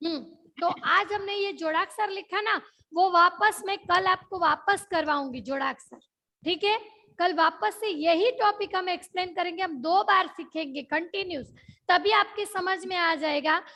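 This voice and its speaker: A woman's voice: very high-pitched, normal speed, bright, forceful tone. A young woman with a Gujarati accent teaching an online class, mixing in English words and repeating questions to check that the children follow.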